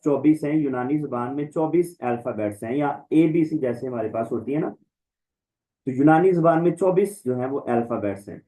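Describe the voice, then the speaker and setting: A man teaching an online Greek class, slowly reciting and repeating letter names for students to follow. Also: fairly high pitch, dark tone, low-quality recording. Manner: slow, repetitive recitation, drawing out letter names. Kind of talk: online class lesson, drilling the alphabet.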